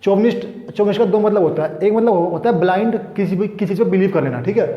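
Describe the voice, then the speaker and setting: Indian male vocab teacher, high voice, casual explaining with lots of fillers and restarts, roomy dull recording. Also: quick pace. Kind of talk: classroom lesson explaining words.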